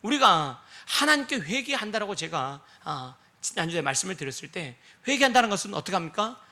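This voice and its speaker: A male pastor preaching with a high, bright, ringing voice. He keeps asking his congregation rhetorical questions and checks in with them as he goes. He slips into quoted voices to act out little scenes. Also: sing-song, brisk. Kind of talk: sermon.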